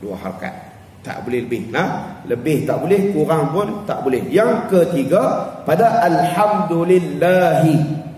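A man with a Malaysian Malay accent teaching Quran recitation at an evening class in a prayer hall, explaining the rules and chanting verses slowly to show them. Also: fairly high pitch, lively intonation, warm tone, a little hiss or hum. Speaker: religious teacher. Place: cold air-conditioned prayer hall. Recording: distant, echoey hall with long reverb.

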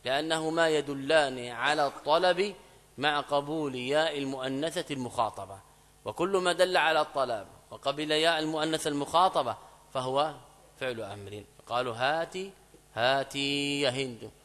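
A man teaching an Arabic grammar lesson in a mosque. He explains step by step, repeats key phrases, asks students checking questions, and reads quoted examples slowly and louder. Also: fairly high pitch. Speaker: Islamic scholar teaching grammar. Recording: long mosque reverb.

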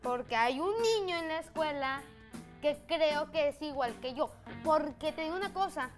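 A woman's voice: sits high, lively intonation, normal speed, faint music behind. A woman voicing a hesitant young schoolboy on a children's TV show. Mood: sulky. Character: sulky young schoolboy named Alex. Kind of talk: children's TV character acting.

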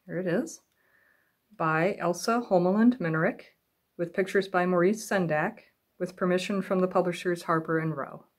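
At a moderate pace and with a lowish voice, a middle-aged library director reads a picture book aloud for young children from a small room at home. She's expressive and asks the listener questions along the way.

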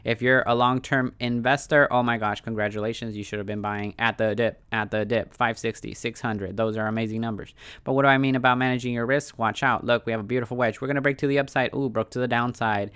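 A man giving casual, off-the-cuff trading commentary in slangy, excitable crypto-bro talk, often repeating phrases for emphasis. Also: medium pitch, fast, clear, resonant tone, no room sound. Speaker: stock trading YouTuber.

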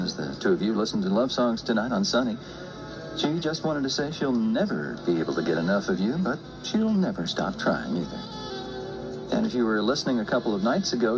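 A man hosting a late-night dedication radio show, heard played back from an old cassette tape recording of the broadcast, with a smooth, soothing delivery. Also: lowish voice, rough recording.

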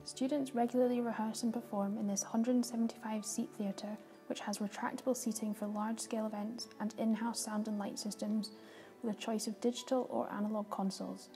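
Over background music, a young woman reads a guided tour's prepared narration clearly and briskly. Her fairly high voice stays calm and informative, like a tour guide's.

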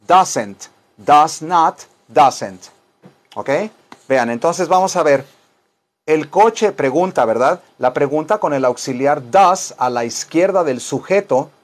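Playful Mexican man teaching English. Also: a little high. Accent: Mexican Spanish. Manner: playful, rambling, teasing asides to viewers. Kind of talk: joking live-stream English lesson.

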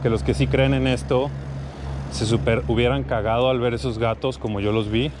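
A man's voice: medium pitch, level tone, moderate pace. A man with a Mexican accent narrating a casual night exploration vlog to his viewers, recorded outdoors on a body-worn action camera. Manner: addresses viewers as friends, sprinkles in English swearing. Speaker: vlogger. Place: outdoors on city streets at night, riding a bike. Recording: noisy outdoor street and traffic ambience.

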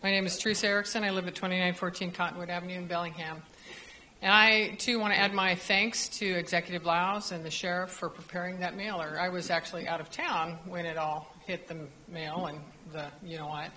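Bright-voiced older woman, chatty comment. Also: lowish voice, steady tone, a little fast, a little hiss or hum, low-quality recording. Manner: chatty, informal asides. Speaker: public commenter. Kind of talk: public comment at a council meeting. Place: council chamber, standing at a podium. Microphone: podium microphone.

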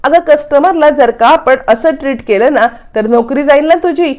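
A woman's voice: high voice, normal speed, a little mellow, pitched above the performer's own voice, close to an everyday voice. A woman voicing a young man who lectures a friend on business in a patronizing, explaining way. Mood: lecturing.

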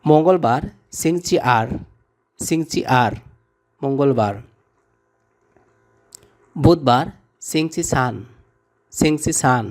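A man with a fairly high voice runs a vocabulary lesson. He goes very slowly, naming each word and then repeating it with measured patience. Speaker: language teacher.

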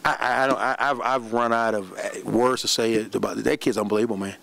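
A middle-aged man, a head basketball coach, answering questions after a game at a press room desk microphone, animated and repeating words as he talks. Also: mid-range voice, creaky. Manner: animated, repeats words, fast run-on talk. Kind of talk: post-game press conference. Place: press room in front of a backdrop. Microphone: desk microphone on a stand.

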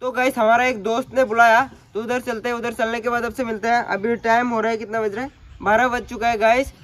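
A man's voice: very high-pitched, level tone, quick pace, a bit bright. A man hosting a casual vlog outdoors at a stadium site, chatting to viewers and calling them guys. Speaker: vlogger host.

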